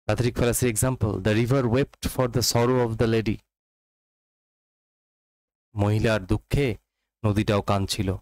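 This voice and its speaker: Slow, low-voiced Bengali man teaching. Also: steady tone, darkish tone, no room sound, low-quality recording. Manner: reads quotations slowly, explains rapidly in Bengali mixed with English. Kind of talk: exam-prep literature lesson.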